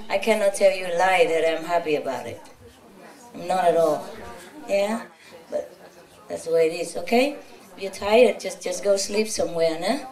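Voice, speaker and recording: A woman's voice: on the low side, darkish tone. A woman spiritual teacher giving an informal, chatty talk to a gathering, teasing and laughing often. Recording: roomy, from a distance.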